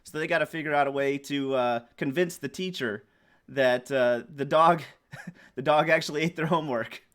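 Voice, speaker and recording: Enthusiastic male guest, mid-pitch, casual and jokey. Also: normal speed, a bit bright. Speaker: game designer guest. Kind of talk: casual chat.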